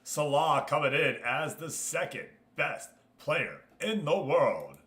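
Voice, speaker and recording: Running an online football management league on a gaming stream, this man talks informally and directly to his group with casual commentary. His voice sits on the high side, very animated and slow, with a slightly bright quality, captured in an echoey, roomy space.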